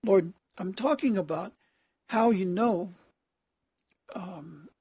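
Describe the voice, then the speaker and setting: A preacher with a harsh, hoarse voice delivers an extemporaneous sermon framed as prayer, speaking haltingly and clearing his throat often. The voice is medium-pitched and mellow, with no room sound.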